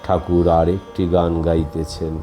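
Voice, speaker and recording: A man reading a devotional text aloud in slow, formal old-fashioned phrasing, breaking into sung hymns along the way. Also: low-pitched, level tone, dark tone, soft background music. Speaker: devotional reader.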